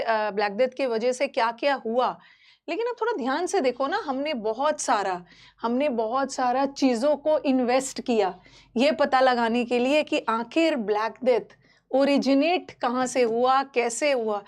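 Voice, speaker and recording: A woman leads a live online exam-prep class, explaining terms in a blend of Hindi and English and frequently checking in with her students. Her voice sits high.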